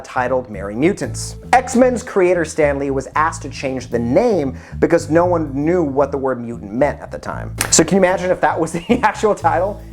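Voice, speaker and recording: A man chats to the camera as the host of his own channel, joking and going off on tangents. His voice swings up and down a lot as he talks. Soft music plays quietly in the background. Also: a little high. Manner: animated and joking, with asides to viewers. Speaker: YouTube host. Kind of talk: casual fan-casting commentary.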